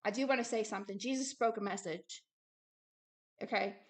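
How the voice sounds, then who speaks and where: Brisk and medium-pitched, a woman reads aloud from a book in a religious video she hosts, adding fervent preaching. She's insistent and emphatic, returning again and again to short phrases.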